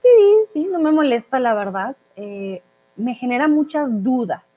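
A chatty woman from Colombia hosts a live language chat, reading viewer questions and answering them with plenty of "eh" fillers. Her voice sits a little high. The sound is thin and narrow, like a phone line. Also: animated, unhurried.

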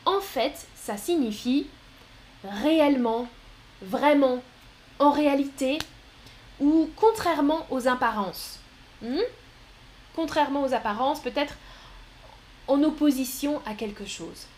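A French woman with a high voice teaches a language lesson on a live stream. She speaks slowly, repeating each phrase patiently and answering viewers' comments. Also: darkish tone, a little hiss or hum. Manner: reads viewers' chat comments aloud.

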